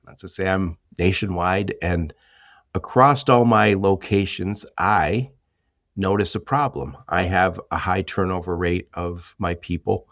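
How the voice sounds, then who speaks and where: A man hosts a casual interview and tells stories with lively asides. His voice sits very low. The sound is dry, with little room around it. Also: measured pace, no room sound. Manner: storytelling, animated asides. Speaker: podcast host.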